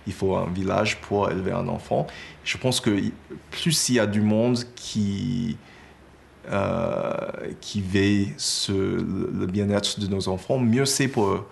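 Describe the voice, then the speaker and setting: A man's voice: fairly low pitch, takes it slowly, gravelly, a little hiss or hum. A man interviewed as a parent, speaking thoughtfully and searching for his words. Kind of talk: reflective interview speech.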